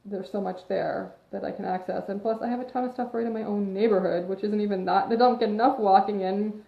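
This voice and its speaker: A woman fitness coach talks on a live video in a mid-range, creaky voice, steady in tone and a little fast. She chats casually and delivers advice, rambling into tangents and sounding a little sniffly from allergies. The phone or webcam livestream captures an echoey room with a dull, lo-fi sound.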